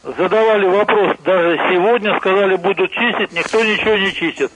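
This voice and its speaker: A man's voice: sits high, fairly quick, a bit bright, slightly rough. A man calling in to a radio show over a phone line, asking polite but insistent questions about problems at home. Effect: heard over a phone line into the studio.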